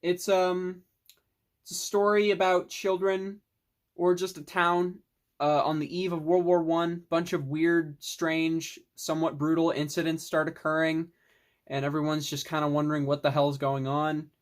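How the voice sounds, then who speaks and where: In a casual, unscripted monologue, a young adult film collector runs through favorite movies, rambling enthusiastically and swearing mildly. The voice sits at an ordinary middle pitch, with a level tone and an unhurried pace.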